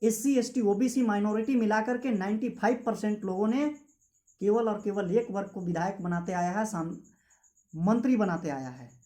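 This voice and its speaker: A young adult man from Jharkhand, India, speaking with a Jharkhand Hindi accent, gives an impassioned political speech as a student activist, using repetitive rhetorical phrasing. His voice sits high, warm in tone, at normal speed.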